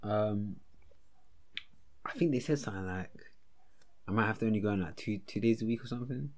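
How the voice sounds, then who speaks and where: Young london roadman lad, fairly low voice, chilled slangy chat with his bro. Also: brisk, darkish tone. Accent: London, roadman slang style. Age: young adult. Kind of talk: casual banter between friends.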